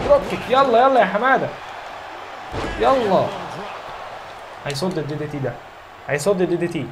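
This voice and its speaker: A young Egyptian man playing a wrestling video game, cheering, shouting and trash-talking his opponent as he commentates. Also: on the high side. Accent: Egyptian Arabic. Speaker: gaming YouTuber. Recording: loud crowd noise from game. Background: loud game arena crowd.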